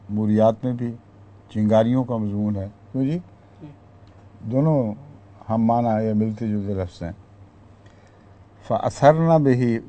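Male teacher, mellow low tone, methodical classroom explanation, checks in with listeners. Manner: explains patiently, pausing to question listeners.

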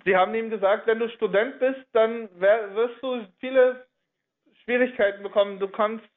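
High-voiced man telling a religious story over narrow audio. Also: steady tone. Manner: halting, reworks sentences mid-flow. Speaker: religious speaker. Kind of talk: recounting a religious history story.

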